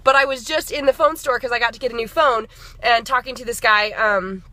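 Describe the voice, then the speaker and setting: A woman's voice: fairly high pitch, fairly quick, sharp tone, no echo. A woman in her thirties, a fitness and nutrition coach, chatting in a casual motivational vlog with an upbeat, rambling manner full of fillers and restarts. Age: 30s.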